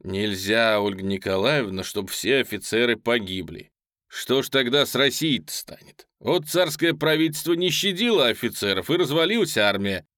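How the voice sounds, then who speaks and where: A man voicing an excitable officer who exclaims over the battle he watches. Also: mid-range voice, moderate pace, no room sound, clean studio sound, lightly acted. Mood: defensive. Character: excitable middle-aged officer watching through binoculars.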